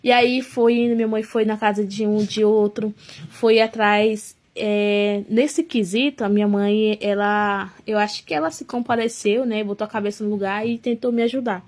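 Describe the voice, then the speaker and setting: A young woman telling her own life story, emotional and halting, often restarting her sentences. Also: mid-range voice, fairly even intonation, darkish tone. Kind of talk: personal life testimony.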